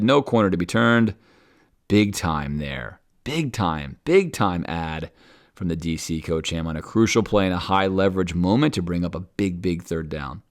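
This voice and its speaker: A man hosting a podcast, talking through game film in an animated commentary style. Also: low-pitched. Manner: animated, acts out coaches and players in quoted asides.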